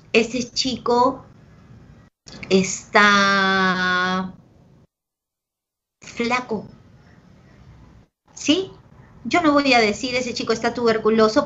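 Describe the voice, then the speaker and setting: Teaching a pre-university language class online, a woman with a Peruvian Spanish accent illustrates points with examples and affectionately checks on her students with "¿ok?" and "¿de acuerdo?". Her voice is on the high side and fairly bright, and the recording is dull and lo-fi.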